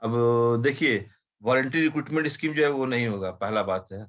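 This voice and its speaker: A man teaching a live class, dictating slowly, spelling words out letter by letter and often adding short checking questions. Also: medium pitch, animated, a bit bright. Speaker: commerce teacher.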